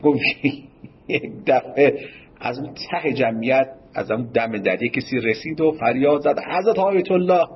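A man's voice: medium pitch, breathy edge, dull audio. A man teaching Islamic jurisprudence in a seminary lecture, discursive, telling anecdotes with polite, formal turns of phrase.

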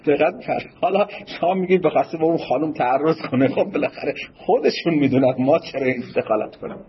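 A man's voice: fairly high pitch, slightly rough, lo-fi sound. A man teaching Islamic jurisprudence in a seminary lecture, discursive, telling anecdotes with polite, formal turns of phrase.

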